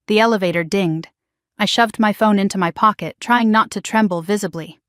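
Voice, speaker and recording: A woman's voice: mid-range voice, brisk, dry recording, studio quality. Woman narrating a suspense story. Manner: steady dramatic suspense telling. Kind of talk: scripted first-person story narration.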